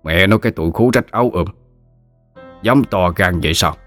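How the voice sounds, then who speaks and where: A man's voice: deep voice, normal speed, a bit bright, soft background music. A man voicing a harsh, hot-tempered old landlord. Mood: furious. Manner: barking, contemptuous orders.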